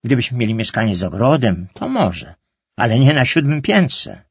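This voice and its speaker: A man's voice: medium pitch, big pitch swings, moderate pace, slightly rough, no echo. Firm, practical mother, middle-aged, patient but weary; male narrator puts her on in a dull, dry storybook recording.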